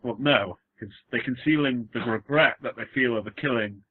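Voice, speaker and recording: Husky Welsh man, tinny phone-like sound. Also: medium pitch, moderate pace. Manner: rambling, restarts sentences while retelling a plot. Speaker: podcast co-host. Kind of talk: casual chat.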